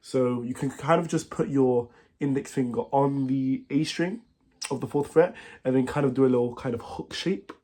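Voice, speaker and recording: A man with a cold, sounding nasal and congested, teaching a guitar song in a halting, casual way with many fillers and self-corrections. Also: medium pitch, warm tone. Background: guitar playing.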